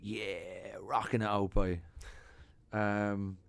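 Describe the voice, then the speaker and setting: A man with an Irish accent, a podcast guest in casual chat, telling lively stories and quoting others with sudden bursts of energy. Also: lowish voice, drawn-out words, gravelly, smooth. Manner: animated storyteller, quotes others in lively bursts. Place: music studio.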